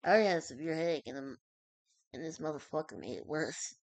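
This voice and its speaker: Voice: medium pitch, fast, no echo. A streamer reading a web story aloud, stumbling over words, correcting themselves and dropping in casual asides.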